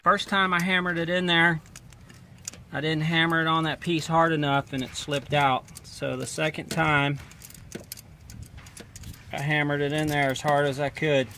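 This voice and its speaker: A man's voice: on the high side, little pitch movement, unhurried, long pauses, pushed and bright. A man explaining a repair step by step in casual, plainspoken talk, recorded on a handheld camera. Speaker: vlogger and truck driver. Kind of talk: casual how-to narration. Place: inside a semi truck cab while driving. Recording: noisy truck cab, road noise. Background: truck engine and road noise.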